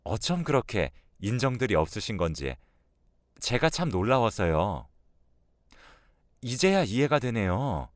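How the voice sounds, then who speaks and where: A man voicing a sharp-tongued daughter-in-law who speaks in a cutting, sarcastic way in a radio drama. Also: fairly low pitch, sing-song, unhurried, long pauses, no echo, studio quality.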